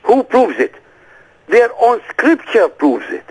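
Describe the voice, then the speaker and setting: On a radio interview, a man who speaks Arabic as his first language talks forcefully and emphatically, repeatedly throwing out rhetorical questions. His voice is extremely high, very animated, slow and husky, and the audio quality is poor.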